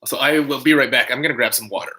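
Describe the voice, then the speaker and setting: Slightly nasal man with a bright voice. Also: mid-range voice. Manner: frequent throat clearing, halting. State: lingering cold symptoms. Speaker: channel host livestreaming to viewers. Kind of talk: casual livestream chat, answering comments.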